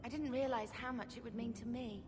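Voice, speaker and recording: An actress playing a gentle, earnest young mage, a devoted younger sister, in a video game. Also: female voice, a little high, fairly even intonation, brisk, close to an everyday voice. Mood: wistful, hopeful. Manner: earnest, wistful. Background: game music.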